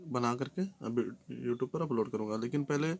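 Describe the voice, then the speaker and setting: A man's voice: medium pitch, moderate pace, a little mellow, highs cut off. Man walking through exam questions. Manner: explains in Hindi, reads questions in English, keeps adding "है ना". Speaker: exam tutor.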